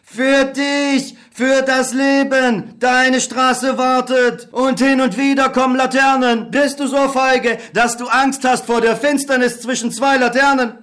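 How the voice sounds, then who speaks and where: A man's voice: very high-pitched, a bit bright. A man playing a relentless optimist inner voice, urging and coaxing in a radio play.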